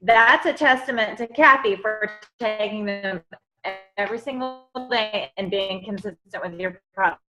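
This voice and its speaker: A woman's voice: medium pitch, normal speed, over music, rough recording. A woman hosting a casual group call, effusive and encouraging as she talks. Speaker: host of the testimonial call.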